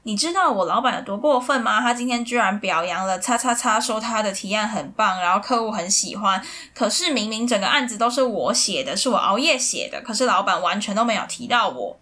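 A woman voicing an upset young wife who protests agitatedly, her voice pitched higher than her usual. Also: lively intonation, brisk, few pauses, bright, forceful tone. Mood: aggrieved. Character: upset crying young wife, hurt and insistent.

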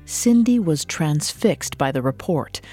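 An American woman co-hosting a true crime podcast, narrating scripted material with deliberate, dramatic delivery. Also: low-pitched, animated, warm tone, husky, soft background music.

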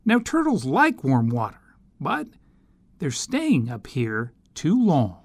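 A man's voice: medium pitch, huge pitch swings, takes it slowly. A man narrating a scripted television news feature as a correspondent.

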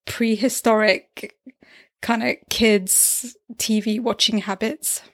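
A woman hosting a podcast in casual chat, teasing her guest and quick to agree. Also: a little high, fairly even intonation. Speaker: podcast host.

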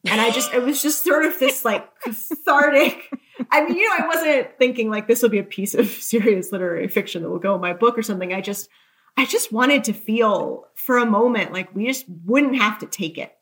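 A woman author, fairly high-pitched and a bit bright, speaks fairly quickly in a conversational interview. She tells anecdotes candidly, with self-deprecating asides and lots of loose hedging.

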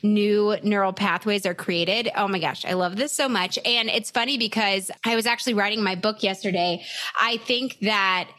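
A woman's voice: medium pitch, normal speed, a bit bright. A woman hosting a podcast in casual, upbeat interview chat, full of "like" and "right?". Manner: chatty, upbeat, frequent "like" and "right?". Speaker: podcast host.

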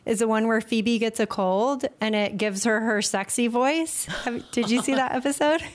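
A woman's voice: fairly high pitch, normal speed. A young woman co-hosting a casual podcast, chatty and rambling, laughing often. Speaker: podcast co-host. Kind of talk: casual chat.

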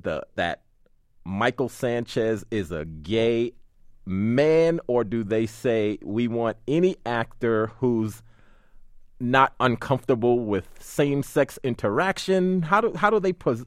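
A man hosting an interview, asking the guest questions in a relaxed, joking way. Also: mid-range voice, slow, no echo, studio quality.

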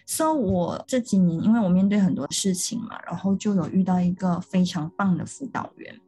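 A woman's voice: lowish voice, fairly quick, mellow, slightly rough. A woman co-hosting a podcast, talking through ideas in an earnest, step-by-step casual chat. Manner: earnest, explanatory, talks through steps. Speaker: podcast co-host.

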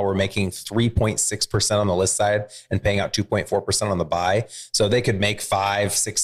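A man with a somewhat low voice hosts a business interview. He steers the talk with questions and quick prompts. He adds short explanations of his own. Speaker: host. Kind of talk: podcast interview.

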